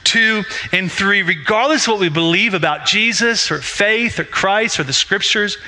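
Man, pastor, church sermon, storytelling, high pitch. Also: normal speed, low-quality recording. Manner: animated storyteller who acts out dialogue. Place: church sanctuary.

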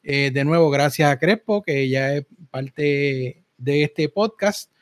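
A man's voice: on the high side, slow pace, no echo. A man with a Puerto Rican Spanish accent hosting a podcast in a casual, informal, conversational way. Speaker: podcast host.

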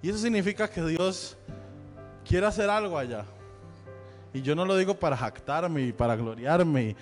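Male pastor, Central American Spanish accent, high voice, chatty announcements, church reverb with soft music behind. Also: expressive, moderate pace. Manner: chatty, joking with the congregation. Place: church sanctuary. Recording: long hall reverb with faint music.

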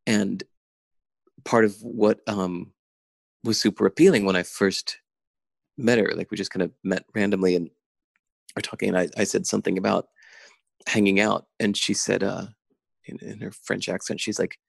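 A man's voice: on the low side, steady tone, moderate pace, creaky, long pauses, no echo. A man talking as a podcast guest in casual conversation, intense and enthusiastic, laughing often, over a remote call.

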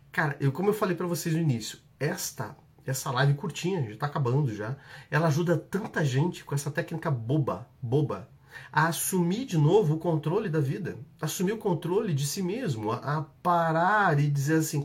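A man's voice: a little high, expressive, moderate pace. A man with a Brazilian Portuguese accent who coaches a live audience through an exercise. He repeats his instructions and checks in with short tags. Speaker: coach hosting a live session.

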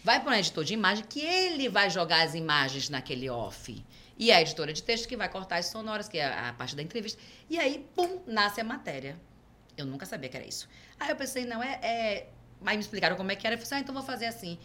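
A middle-aged woman with a Brazilian Portuguese accent, a podcast guest who tells stories in a lively way and acts out the dialogue. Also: medium pitch, quick pace. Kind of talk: conversational storytelling.

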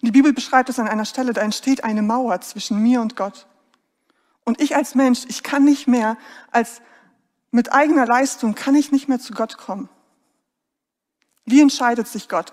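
A woman's voice: on the high side, steady tone, normal speed, a little mellow, big-room sound. A woman preacher giving an earnest, emphatic sermon and putting direct questions to her listeners.

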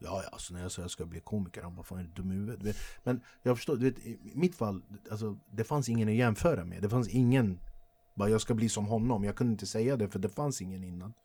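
A man in his forties, a comedian and host, telling stories in a casual chat, animated and slangy, laughing often. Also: fairly low pitch, slightly rough. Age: 40s.

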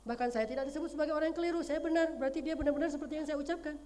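A woman voicing a spiteful hypocrite man who sneers loudly, in a sermon story. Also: sits high, steady tone, rapid-fire, pitched above the performer's own voice, close to an everyday voice. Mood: astonished.

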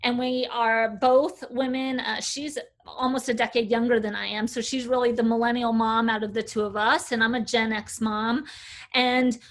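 An American agency CEO appears as a guest in a casual interview, a chatty woman with a high voice speaking at normal speed in a level tone. She tells stories fluently, dotting them with filler "uh"s.

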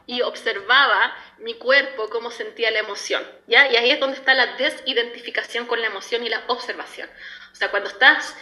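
A woman's voice: on the high side, a little fast, sharp tone. A woman, a spiritual coach talking casually and expressively, acting out her own inner voices. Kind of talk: casual reflective talk.

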